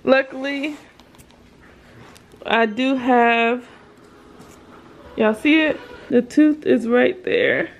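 High-pitched American mom vlogger. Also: female voice, drawn-out words, creaky, pauses often. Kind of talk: casual home vlog chat. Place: indoors at home, rooms and kitchen. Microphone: handheld or nearby camera microphone.

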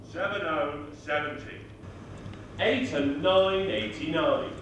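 A man working as a bingo caller, announcing numbers in measured set phrases over a hall microphone. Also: on the high side, a bit bright. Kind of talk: bingo calling, numbers read out digit by digit. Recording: echoey hall PA, distant and noisy.

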